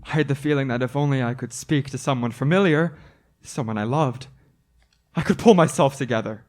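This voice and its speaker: A man's voice: medium pitch, a little fast, darkish tone, natural voice. A man playing a haunted, frightened young traveller in a suspense radio play, dramatic and prone to stammering. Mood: haunted, brooding. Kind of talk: old-time suspense radio play acting.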